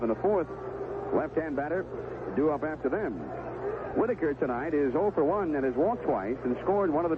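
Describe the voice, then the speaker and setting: On an old 1970s broadcast, an American man calls baseball play-by-play in live radio commentary style from a stadium broadcast position. His voice sits a little high, and the audio is narrow and tinny with a noisy background.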